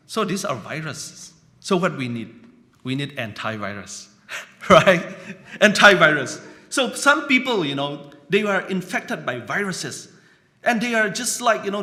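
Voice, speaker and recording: A man's voice: high-pitched, bright, forceful tone. A man from Burma, preaching a conversational sermon that he keeps checking in on with "you know" and "right?".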